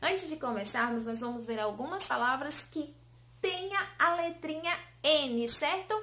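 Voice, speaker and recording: A woman teacher giving a lesson to small children, in a sing-song way, stretching key words slowly and coaxing answers with questions. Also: sits high, expressive, pushed and bright. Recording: roomy echo.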